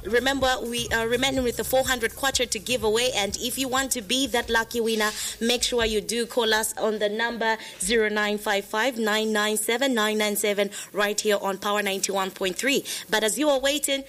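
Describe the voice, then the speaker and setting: Higher-pitched Zambian woman hosting radio. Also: steady tone, brisk, hardly any pauses, fairly bright tone. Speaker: radio host. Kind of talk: lively radio promotion and phone-in chat, mixing languages. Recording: music playing behind the voice. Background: music bed.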